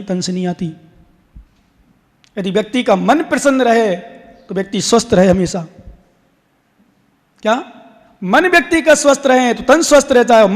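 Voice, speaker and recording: A man, a Jain monk, giving a devotional sermon, asking his listeners questions and chanting verses slowly. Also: high voice. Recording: long reverb from a hall.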